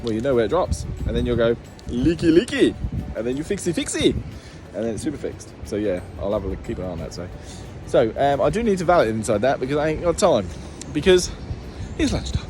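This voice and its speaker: A man's voice: medium pitch, expressive, quick pace, music in the background, poor audio. A British man chatting casually for a vlog about his own work, playful and jokey, slipping into silly baby-talk words. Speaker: car dealer filming a repair vlog.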